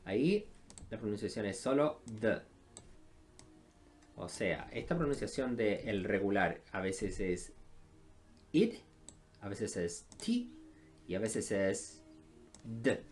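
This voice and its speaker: A man's voice: on the low side, a little mellow. Man teaching English verbs. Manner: explains step by step, many "eh" fillers, checks in with "¿ya?". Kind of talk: recorded online lesson over slides.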